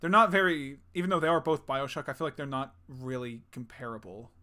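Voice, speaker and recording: A man's voice: mid-range voice, a little fast, sharp tone. A young man co-hosting a podcast in casual chat, rambling, swearing casually and laughing often. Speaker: podcast co-host.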